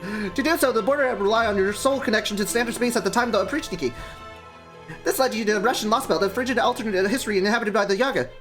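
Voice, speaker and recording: A man reading game text aloud while mimicking a fast-forwarded tape, high, squeaky and rushed. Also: over music, lightly acted. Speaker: game streamer.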